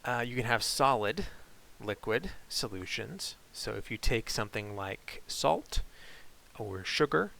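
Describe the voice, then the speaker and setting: A man teaching chemistry in a recorded online lecture, explaining in a relaxed way with frequent fillers. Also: medium pitch, measured pace, gravelly, low-quality recording.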